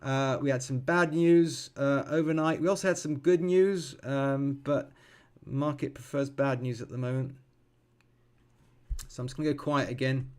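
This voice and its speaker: Man giving calm live trading commentary. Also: medium pitch, moderate pace. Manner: thinks aloud with many ums and self-corrections; calm, explanatory, teaching as he watches. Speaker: futures trader streaming live.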